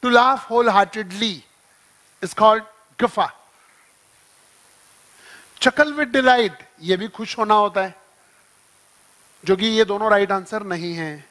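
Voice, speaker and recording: A man's voice: high voice, fairly bright tone. A man with an Indian accent teaching vocabulary in a classroom, explaining words through playful examples and little acted-out scenes, switching between Hindi and English.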